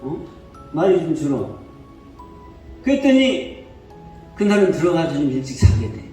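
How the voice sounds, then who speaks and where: A male pastor delivers a sermon in a church sanctuary, telling stories animatedly in a fairly high, unhurried voice and asking the congregation questions. The recording is echoey, captured from far off in the church hall with faint music behind.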